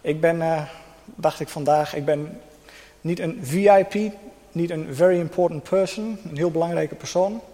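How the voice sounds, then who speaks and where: Guy preaching in a church, kinda high voice, long echo off the hall, earnest and soft at times. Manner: earnest, uses pauses and soft emphasis. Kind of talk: sermon with personal testimony.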